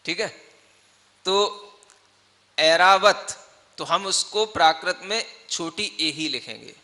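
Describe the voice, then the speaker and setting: A man's voice: sits high, slow pace, pushed and bright. A man, a monk, teaching grammar from scripture in a patient classroom style, explaining with everyday examples and often asking the listeners whether they follow. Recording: long reverb of a hall.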